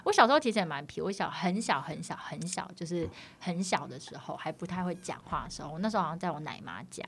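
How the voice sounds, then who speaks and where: A woman's voice: lowish voice, lively intonation, fast, breathy edge. A young woman with a Taiwanese Mandarin accent, co-hosting a podcast and chatting at length about her childhood. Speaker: podcast co-host. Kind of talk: casual chat.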